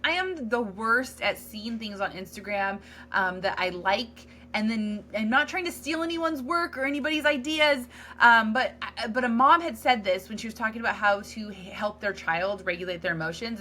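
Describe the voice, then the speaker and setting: A woman's voice: on the high side, moderate pace, sharp tone, slight background noise. A woman hosting a solo podcast, talking in a candid, earnest, self-reflective way with casual fillers and restarts. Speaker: podcast host.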